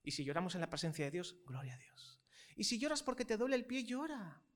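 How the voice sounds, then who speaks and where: A man preaching to his congregation in a notably high voice. He builds his points by repeating phrases and throwing rhetorical questions to the room, swinging between loud stresses and soft asides. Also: big pitch swings, fairly quick. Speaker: pastor. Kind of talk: sermon.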